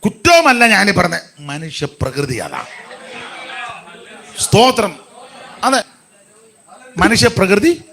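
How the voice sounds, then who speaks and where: Guy preaching, bright high voice, gets loud then goes soft. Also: takes it slowly, creaky, long pauses, breathy edge. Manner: animated, rising to shouts and dropping to soft asides. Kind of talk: sermon.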